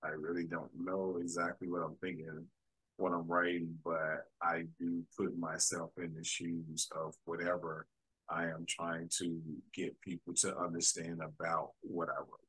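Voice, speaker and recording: A man with a very low, husky voice that still has a bright, forceful edge. He talks earnestly and with enthusiasm in a casual conversation. The recording is dry, with no room echo. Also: little pitch movement, measured pace. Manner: earnest and enthusiastic, with short affirmations.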